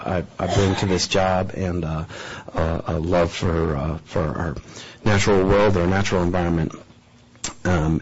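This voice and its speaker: A man serving as mayor, giving a halting formal thank-you speech at a board meeting, full of ums and uhs. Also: low-pitched, a little mellow, husky, highs cut off. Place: town board meeting room.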